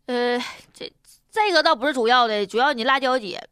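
A woman's voice: on the high side, brisk, a bit bright, clear, resonant tone, no echo. A woman with a Northeastern Chinese accent hosting humorous news commentary in a blunt, mocking, colloquial way. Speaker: comedic news show host.

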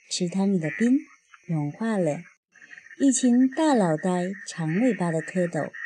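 A woman reading a bedtime story softly and soothingly to a child. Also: medium pitch, slight background noise. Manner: soft, soothing, lilting. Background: soft background music.

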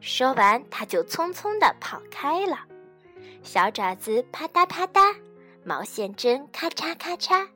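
A woman teacher reading a bedtime story to children in a gentle, expressive way. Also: sits high, measured pace, soft background music.

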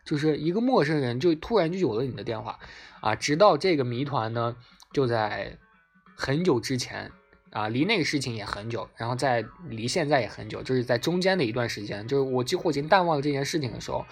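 Male storyteller, husky and rapid, excitable, repeats words for emphasis. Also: medium pitch, faint music behind. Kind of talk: casual spoken storytelling.

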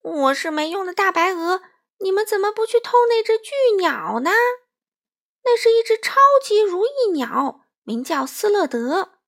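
A woman's voice: very high voice, big pitch swings, normal speed, pitched above the performer's own voice, heavily acted. Woman voicing a sly coaxing goose.

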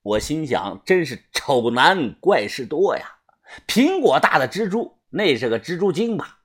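A woman narrating a first-person novel as an animated storyteller. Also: low voice, measured pace, breathy edge. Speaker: audiobook narrator.

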